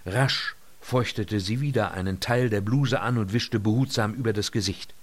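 Male audiobook narrator, lowish husky voice, calm measured reading. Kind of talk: scripted narration.

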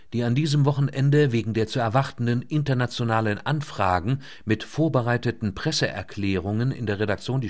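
A man reading a novel aloud in a measured, scripted way, slowing down on key words. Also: medium pitch. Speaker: audiobook narrator. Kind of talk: scripted narration.

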